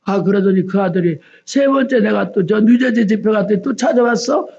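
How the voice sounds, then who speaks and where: A woman's voice: medium pitch, a little fast, creaky, a little mellow, dull audio. A woman evangelist preaching at a dawn prayer service, telling stories and acting out the pleas of the people in them.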